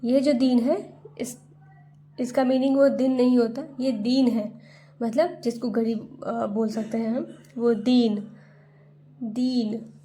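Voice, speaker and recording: Slow, mellow woman tutor. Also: a little high, steady tone, slight background noise. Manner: drawn-out syllables, repeats each word twice. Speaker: home tutor teaching Hindi to parents. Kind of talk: slow spelled-out lesson.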